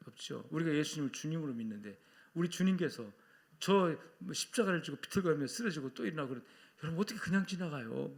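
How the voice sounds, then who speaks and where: Pastor guy preaching hard, slightly high voice, acts out quotes, gets the congregation repeating lines. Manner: emphatic preaching, calls for repeat-after-me. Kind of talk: Sunday sermon.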